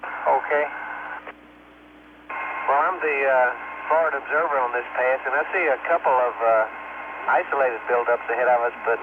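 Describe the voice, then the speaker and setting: A crew member aboard a spacecraft, answering ground control in clipped, procedural replies over a crackly space-to-ground radio link. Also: male voice, medium pitch, normal speed, pauses often. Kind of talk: brief air-to-ground radio exchange. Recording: tinny, noisy radio from orbit.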